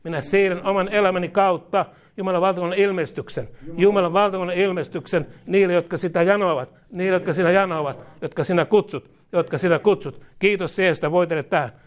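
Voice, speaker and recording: A man's voice: high voice, steady tone, few pauses. Man leading fervent repeated charismatic prayer. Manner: repeats each phrase, commanding declarations. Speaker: prayer leader.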